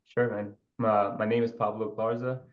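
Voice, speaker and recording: Low flat-voiced man on a muffled call. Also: moderate pace. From Ecuador. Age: 20s. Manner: relaxed, rambling, with filler and restarts. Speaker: guest. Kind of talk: casual interview.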